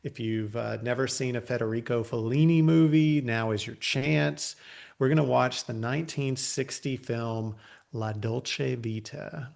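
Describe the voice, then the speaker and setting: A man's voice: medium pitch, unhurried, vocal fry, darkish tone. A man co-hosting a casual movie podcast, talking in a rambling way with lots of fillers and restarts. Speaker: podcast co-host.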